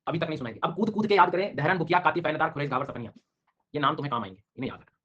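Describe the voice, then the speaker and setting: A man's voice: on the high side, rapid-fire, a bit bright. A middle-aged male teacher giving an online exam-prep lecture, teasing his students with jokes while drilling names over and over. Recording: dull lo-fi online class audio.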